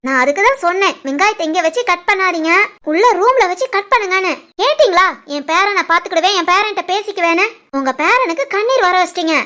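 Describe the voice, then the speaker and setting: A stubborn, teasing young wife in a cartoon family comedy, voiced by a woman, speaking with a Tirunelveli Tamil accent. Her voice sits extremely high, squeaky and cartoonish, playful and insistent. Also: lively intonation, fast, sharp tone, heavily acted. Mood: complaining. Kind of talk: animated family comedy voice acting.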